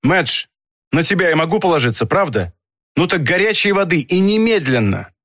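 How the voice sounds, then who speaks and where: A man's voice: fairly high pitch, sing-song, moderate pace, fairly bright tone, dry recording, studio quality, voice pushed up. A man reading an audiobook, voicing a brusque, commanding doctor. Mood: impatient. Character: middle-aged male doctor, brusque and commanding.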